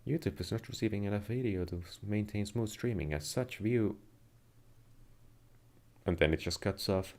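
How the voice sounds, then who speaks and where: A Finnish streamer with a low, darkish voice chats casually with viewers while playing a video game, speaking at normal speed and pausing often. The home stream is noisy, with keyboard and mouse clicks behind him.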